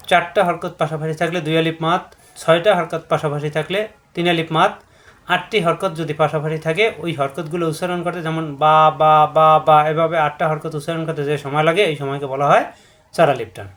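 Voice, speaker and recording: A man's voice: on the high side, steady tone, quick pace, a bit bright. A man teaching a Quran recitation lesson, patiently repeating rules and drawing out syllables to demonstrate them. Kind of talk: step-by-step tajweed lesson.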